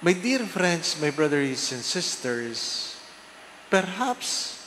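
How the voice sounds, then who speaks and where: Male Filipino priest, slightly high voice, solemn liturgical delivery, cathedral echo. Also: fairly bright tone. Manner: solemn, deliberate phrasing. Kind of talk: liturgical reading and homily. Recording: echoey church with long reverb, background noise.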